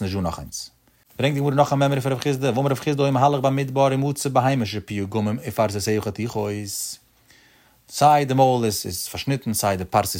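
A man's voice: mid-range voice, a little mellow. A man teaching a religious law lesson, posing rhetorical questions in a rising, sing-song study cadence.

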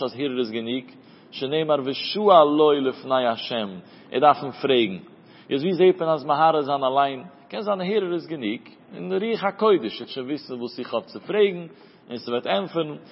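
A man teaching a Talmud lesson in a chanting study singsong, mixing Hebrew terms into his speech. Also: a little high. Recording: dull audio in a reverberant room.

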